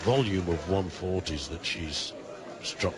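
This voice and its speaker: A man giving live darts commentary, measured and analytical, with considered pauses. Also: sits low, background noise. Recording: busy crowd behind commentary. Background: darts crowd.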